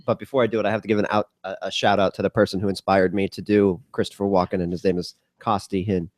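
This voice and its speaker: A man guesting as a comedian on a podcast, telling bits in animated casual chat. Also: low voice, dry recording, studio quality. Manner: quick, animated storytelling.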